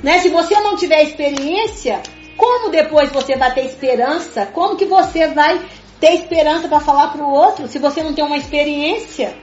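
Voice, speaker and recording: In this conversational religious talk, a woman's high-pitched voice moves at a normal pace as she earnestly stresses her faith. She circles back to her points and calls out "gente" to listeners again and again, while her words echo in a reverberant room and gentle music sits under the muffled, dull sound.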